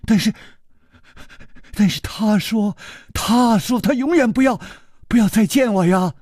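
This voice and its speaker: A man's voice: high-pitched, measured pace, a little mellow, no echo, studio quality, voice pushed up. A male storyteller voicing a timid young male servant who stammers and pleads tearfully. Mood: tearful, stammering. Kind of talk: storytelling with character voices.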